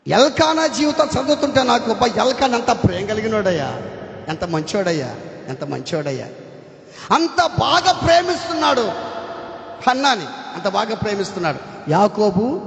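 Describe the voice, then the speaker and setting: High-voiced male preacher in echoey hall. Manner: emphatic preaching, repeats phrases, bursts into shouting. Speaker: pastor. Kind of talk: sermon. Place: church hall. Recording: echoey hall with long reverb.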